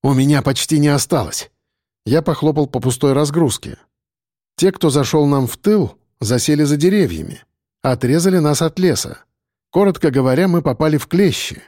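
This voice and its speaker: A man narrating an audiobook in the first person in a steady, tense storytelling manner. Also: a little high, moderate pace, no echo, studio quality.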